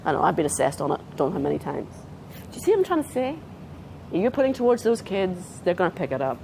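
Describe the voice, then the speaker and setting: An Australian woman giving a conference talk as a trauma therapist, animated and acting out dialogue with clients. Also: fairly low pitch, fast talker, creaky, slight background noise. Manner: animated, acts out client dialogue, talks with her hands. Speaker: trauma therapist presenting to counsellors. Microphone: not handheld, clip-on.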